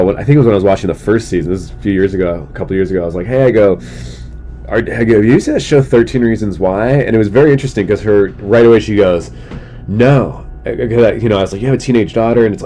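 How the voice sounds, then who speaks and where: In a mellow but stuffy, sick-sounding voice, a middle-aged comedian rambles loosely through his solo podcast with slangy asides. Congested and losing his voice, he keeps clearing his throat, and a low rumble of background noise is noticeable.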